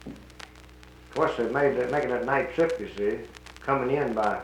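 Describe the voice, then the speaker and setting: The North Carolina man speaks at a measured pace in a medium-pitched voice, discussing the war plainly and firmly and referring to radio news reports. It's a casual conversation captured on an old 1941 recording that sounds muffled and roomy, with a faint hiss.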